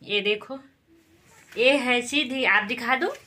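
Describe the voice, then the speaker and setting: Mother vlogger at home; slow, coaxing delivery, somewhat high, bright voice. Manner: coaxing, gently scolding, talks to child and viewers by turns. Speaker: mother filming her child for a vlog. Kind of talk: casual family vlog.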